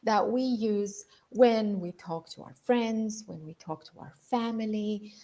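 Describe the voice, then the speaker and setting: A woman's voice: mid-range voice, darkish tone. A woman giving an instructional lesson as a voice and public-speaking coach, explaining with emphasis on key words.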